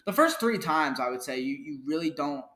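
A young man co-hosting a casual opinion chat, emphatic and quick to agree, often restarting his sentences. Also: on the high side, animated, fairly bright tone. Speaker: podcast co-host. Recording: echoey room.

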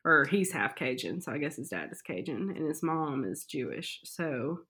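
Low-voiced woman in casual chat. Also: lively intonation, moderate pace, bright, forceful tone. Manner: chatty, hedging with "like" and "supposedly".

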